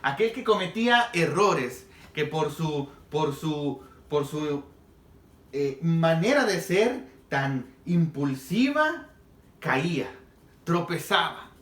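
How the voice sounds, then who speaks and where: A man's voice: on the high side, lively intonation, takes it slowly, a bit bright, echoey room. A man preaching a sermon as a pastor, telling the story dramatically and acting out the quoted dialogue.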